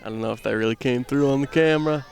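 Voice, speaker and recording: A young man, doing offhand, self-deprecating live commentary of a softball game from outdoors on a headset mic. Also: mid-range voice, fast, vocal fry. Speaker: camera operator and commentator. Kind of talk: casual live sports commentary.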